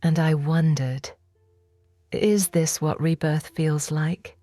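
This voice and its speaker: Whispered role-play, woman voicing a forgiven biblical woman, low hushed whisper, slow and reverent, mellow and dry, faint music behind. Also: steady tone, no room sound. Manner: hushed, reverent, intimate first-person storytelling. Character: repentant forgiven woman of biblical times, tender and awed. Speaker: audiobook narrator.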